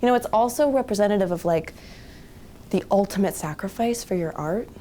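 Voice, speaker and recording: An actress playing a bubbly, giggly lead game designer in a mockumentary. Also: female voice, mid-range voice, a little fast, mellow, a little hiss or hum, lightly acted. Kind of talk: deadpan mockumentary interview.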